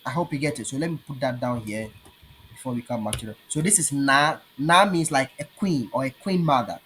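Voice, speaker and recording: A man with a Ghanaian accent teaching his language in an online lesson, patiently repeating words slowly. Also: mid-range voice, a bit bright, a little hiss or hum.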